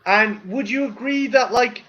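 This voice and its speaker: A man's voice: very high-pitched, measured pace, sharp tone. A man co-hosting a casual stream, joking crudely and swearing constantly. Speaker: co-host of a watch-along stream. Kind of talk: casual profane banter. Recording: muffled lo-fi stream audio.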